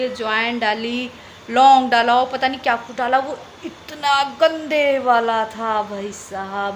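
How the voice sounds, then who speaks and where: A young woman vlogger from Delhi with a high voice tells a personal story straight to camera. She talks in a loose, chatty way and keeps repeating phrases for emphasis. Faint background noise sits under her voice. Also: fairly bright tone. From Delhi, India.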